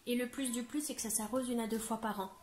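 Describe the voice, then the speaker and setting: Young woman vlogger, bright higher voice, bubbly and chatty, room echo. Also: fairly even intonation, fast, a little hiss or hum. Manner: chatty, bubbly, laughs often, many fillers. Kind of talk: casual chat. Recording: echoey room.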